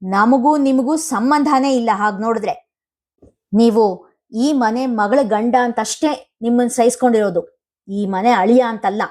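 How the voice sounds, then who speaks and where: A woman voicing a sharp-tongued, scornful sister-in-law who scolds loudly and quickly in a family storybook reading. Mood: scolding. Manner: sharp, scolding, high-pitched.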